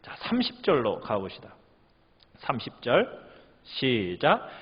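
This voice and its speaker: A man's voice: medium pitch, huge pitch swings, slow, breathy edge. A male pastor preaching, reading scripture aloud and asking the congregation questions, acting out the quoted lines. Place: church hall. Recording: lo-fi church recording with long reverb.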